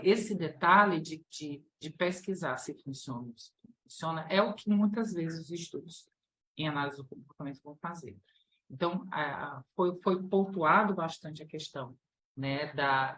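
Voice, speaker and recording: A woman's voice: low voice, poor audio. A woman with a Brazilian Portuguese accent giving a live lecture, chatty, often calling her audience "gente" and asking them questions. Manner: chatty, addresses audience as "gente", frequent fillers.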